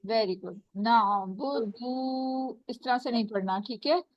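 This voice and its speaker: A woman teaching an online Quran recitation class over a video call, calling on students and modelling recitation slowly. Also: fairly high pitch, a little hiss or hum. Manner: patient, calls on students, models slow recitation. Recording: dull video call audio.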